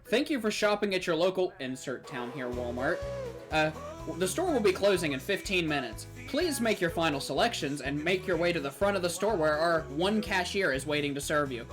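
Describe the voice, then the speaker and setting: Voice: medium pitch, lively intonation, fairly quick, close to an everyday voice. Brief: streamer doing a polite supermarket PA announcer calling closing time, over guitar music. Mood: chirpy formal. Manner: chirpy, formal announcer delivery.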